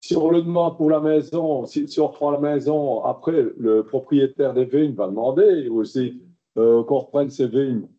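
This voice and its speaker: A man chairing a council meeting as mayor, explaining at length with many hesitations, recorded with dull low-fidelity sound. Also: normal speed, mellow. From Belgium. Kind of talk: council debate. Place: council chamber.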